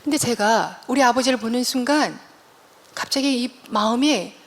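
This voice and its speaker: Middle-aged woman testimony speaker, high and very expressive, church hall reverb. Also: moderate pace. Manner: animated storytelling, acts out dialogue. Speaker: guest speaker, professor. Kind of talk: testimony sermon.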